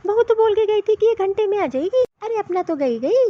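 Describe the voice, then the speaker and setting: Voicing a cartoon family story's protective, middle-aged mother-in-law, this woman speaks in a very high, expressive voice and at a brisk clip. She is reproachful and insistent, scolding with indignation while stacking up sharp questions. There's no room sound, though the lo-fi track comes across dull.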